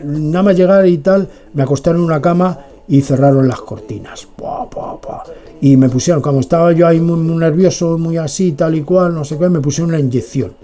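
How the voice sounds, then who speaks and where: A man's voice: a little high, dark tone. A man, hosting a radio show and telling a long personal story full of filler asides. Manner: digressive, lots of "tal y cual" filler asides. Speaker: radio host. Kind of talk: rambling personal anecdote on radio.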